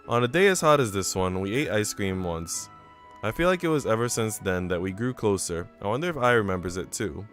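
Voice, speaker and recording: This streamer's voice is fairly low and fairly bright, animated and brisk, with faint music behind him. He reads a visual novel aloud, breaking from the narration for relaxed, chatty comments to his audience.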